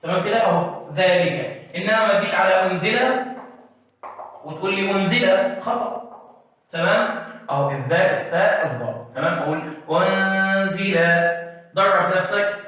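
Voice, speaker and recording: Egyptian man, tajweed teacher, higher voice, chants examples between explanations; heavy room echo, distant mic. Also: bright, forceful tone. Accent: Egyptian Arabic. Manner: chants Quran letters in a drawn-out melodic recitation between explanations; checks in often with quick questions to the student. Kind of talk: tajweed lesson for exam students.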